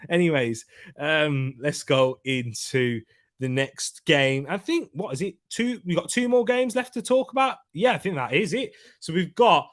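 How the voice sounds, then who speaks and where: A man hosts a casual football preview live stream, chatting loosely, reading out viewer comments, and trading jokey banter with them. His voice is a little high, expressive, and unhurried.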